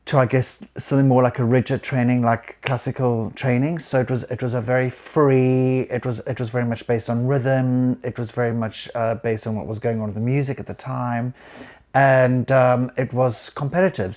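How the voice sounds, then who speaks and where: A man in his forties from South Africa, a choreographer recounting his life story in a reflective, halting way with frequent pauses and restarts. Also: medium pitch, a little mellow.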